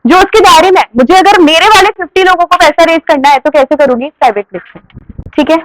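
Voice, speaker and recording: Lecturing a commerce class, this young woman speaks fast in a very high voice, and the recording is rough. She answers her own questions and sternly reprimands anyone who interrupts.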